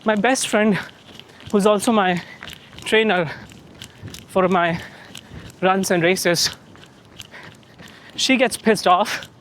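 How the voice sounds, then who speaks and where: High-voiced man chatting while running. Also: steady tone, takes it slowly, long pauses, fairly bright tone. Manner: talking while running outdoors. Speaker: running vlogger. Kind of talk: casual vlog chat to camera. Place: outdoors on the move. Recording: outdoor wind and background noise.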